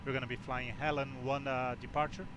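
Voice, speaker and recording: Hesitant man making pilot radio calls. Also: medium pitch. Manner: halting, frequent "uh" fillers between phrases. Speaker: flight simulator pilot on online air traffic network. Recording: steady background noise.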